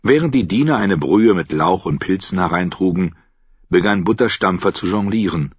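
A man reading a novel aloud as audiobook narrator, telling it with lively storytelling. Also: low voice, moderate pace, husky, no room sound. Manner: lively storytelling, voices every character. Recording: dull, dry studio recording.

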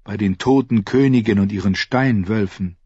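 A grave boy seer who speaks slowly and heavily, as if each word hurts, as a man reading aloud puts him on. The voice is husky and dry, in a dull recording. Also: fairly low pitch, warm tone, no echo. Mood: sorrowful. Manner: slow, heavy, pained.

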